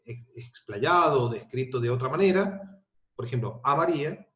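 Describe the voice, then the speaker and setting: A man's voice: mid-range voice, expressive, pushed and bright. A male teacher giving a recorded grammar lesson. He explains patiently, rephrases often and checks in with his students. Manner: halting restarts and fillers. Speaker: language and literature teacher. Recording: echoey room, dull lo-fi sound.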